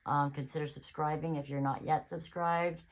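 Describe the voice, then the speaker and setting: Low-voiced woman giving a casual tarot reading. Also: steady tone, moderate pace, rough recording. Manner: chatty, reassuring, thinks aloud. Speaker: tarot reader.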